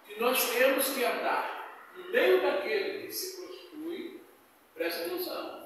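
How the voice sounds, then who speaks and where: A man's voice: extremely high pitch, a bit bright, slight background noise. A male pastor preaching a sermon with emphatic, repeating phrases and personal testimony. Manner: tells personal testimony with quoted dialogue. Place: church hall. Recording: echoey hall recorded from far off.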